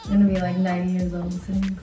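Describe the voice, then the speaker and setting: Rapid-fire and completely flat, this twenty-something vlog co-host speaks in a fairly low, dark voice while casually answering questions. She rambles, says "like" a lot and restarts sentences, with room echo, a far-off mic and background music.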